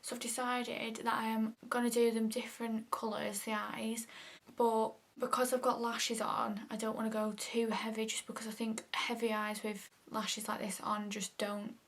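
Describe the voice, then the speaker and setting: A woman's voice: on the high side, little pitch movement, normal speed. A young woman chatting through a makeup tutorial, filling her talk with "like" and often dropping to a half-whisper. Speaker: makeup vlogger. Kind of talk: casual makeup tutorial chat.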